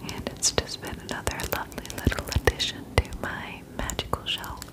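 A woman in her twenties whispering softly and close to the mic as an ASMR host, gently repeating the odd word. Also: brisk. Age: 20s. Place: small dim room indoors. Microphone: close mic, near the mouth.

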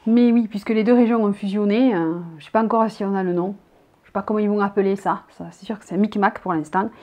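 Indoors in her bedroom, a southern French woman in her thirties vlogs through a tag, reading every question out loud and rambling chattily in her regional accent. She talks fast in a steady, mid-range voice.

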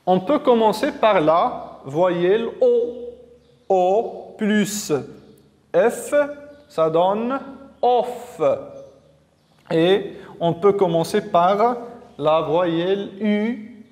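A man teaching a reading lesson to young pupils, drilling syllables slowly and repeating each one. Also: high voice, a little mellow, long reverb tail. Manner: slow, syllable-by-syllable drilling with repetitions. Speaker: primary school teacher.

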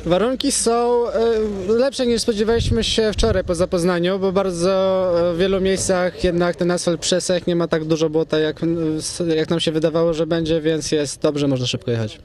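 A man's voice: high voice, moderate pace, few pauses, slight background noise. Young man, rally driver, matter-of-fact. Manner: steady, matter-of-fact with hesitant fillers. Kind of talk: post-stage interview. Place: outdoors at a rally service area. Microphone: handheld interview mic.

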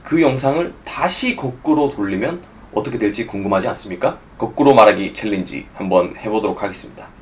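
A man's voice: on the low side, lively intonation, a little fast, few pauses, music in the background. A man hosting an online challenge video, addressing viewers politely with rhetorical questions. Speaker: video host. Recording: clearly noisy recording.

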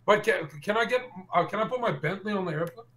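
A man's voice: sits high, quick pace, background noise. A man in casual group stream banter, brash and boastful, trash-talking the others. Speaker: stream guest.

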